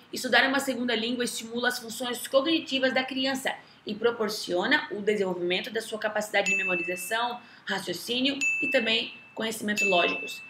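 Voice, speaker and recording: A woman with a Brazilian Portuguese accent talks casually to the camera as an English teacher, keeping things chatty and tagging her points with quick questioning asides. Her voice is bright and forward. It is recorded in a roomy space with a clear echo. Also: fairly high pitch, slight background noise. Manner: chatty, often tags sentences with a questioning aside.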